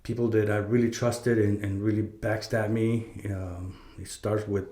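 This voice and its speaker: A middle-aged podcast host with a fairly low, dark voice tells a personal story, speaking flatly and a little slowly. He's conversational and rambling, swearing often and filling his speech with fillers and restarts. The recording has a roomy echo.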